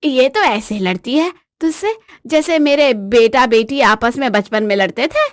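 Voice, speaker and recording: A woman's voice: fairly high pitch, animated, a little slow, no room sound. Woman playing an older neighbour aunt, scolding, theatrical, bossy, storybook, dry close sound.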